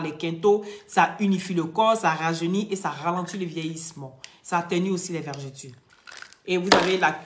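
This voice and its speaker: A beauty product seller and online vlogger, this lady goes live to lecture people before selling them creams. She speaks emphatically in a lowish voice, talking right to her viewers, in an echoey room. She is not a native French speaker.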